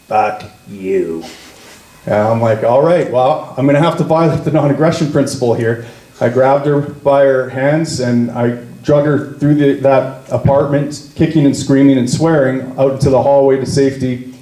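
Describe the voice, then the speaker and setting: A man leading a political party, speaking at a party meeting and telling a story, slowing down to lean on key words. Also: medium pitch, dark tone. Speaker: party leader. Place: meeting room. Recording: echoey meeting room.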